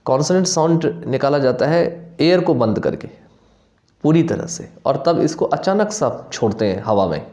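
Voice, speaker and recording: Mellow-voiced male teacher explaining patiently. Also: medium pitch. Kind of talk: Hindi lecture on English phonetics, mixing Hindi and English.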